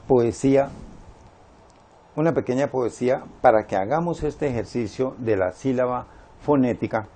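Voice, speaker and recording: A man teaching a Spanish grammar lesson, explaining syllables slowly and counting them out step by step. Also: mid-range voice, gravelly, a little mellow.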